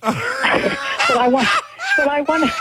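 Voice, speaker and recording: A woman's voice: sits high, big pitch swings, takes it slowly, heavy background noise. A middle-aged or older woman from Pittsburgh chatting casually as a regular sports radio caller over a landline phone. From Pittsburgh, United States. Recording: landline telephone call into radio.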